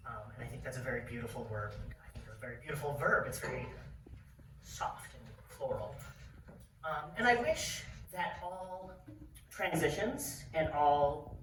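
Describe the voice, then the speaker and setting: A man's voice: mid-range voice, fairly bright tone. A man performing a stand-up comedy set, telling stories conversationally with fillers at a live venue. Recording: distant roomy stage recording with noise.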